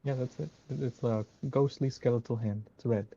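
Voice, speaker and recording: Gamer guy with a mellow voice, short plain answers, muffled lo-fi mic. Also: medium pitch, fairly even intonation, normal speed, creaky. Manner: brief, matter-of-fact answers. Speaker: player. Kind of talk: casual chat at a game table. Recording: dull lo-fi mic.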